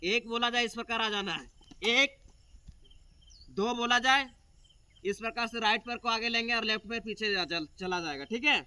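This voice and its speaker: A man coaching a physical training drill outdoors, calling out counts in a loud, carrying voice. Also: very high voice, moderate pace, pauses often, clear, resonant tone, far from the mic.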